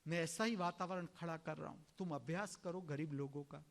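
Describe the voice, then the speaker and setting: A man from India giving a sermon as a spiritual teacher, slow and emphatic, often clearing his throat. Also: a little high.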